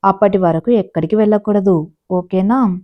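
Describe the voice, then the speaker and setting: A woman reading the part of a gentle, dutiful young daughter-in-law in a storybook audio drama. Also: mid-range voice, moderate pace, lo-fi sound, natural voice.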